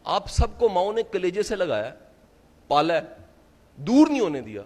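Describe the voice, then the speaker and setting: A man's voice: high voice, sing-song, darkish tone. A man gives an impassioned religious lecture to a seated audience, asking many rhetorical questions. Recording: long hall reverb.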